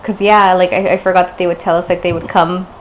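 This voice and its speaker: A young woman co-hosting a podcast, chatting casually and recalling memories with a giggly, animated manner. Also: lowish voice, quick pace, slight background noise, poor audio. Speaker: podcast co-host. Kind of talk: casual chat.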